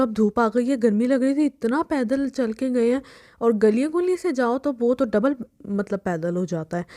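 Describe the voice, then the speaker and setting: A woman's voice: fairly high pitch, a little mellow. Chatty young woman. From Pakistan. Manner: chatty, rambling, keeps restarting with "anyway". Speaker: vlogger. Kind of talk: casual storytelling vlog.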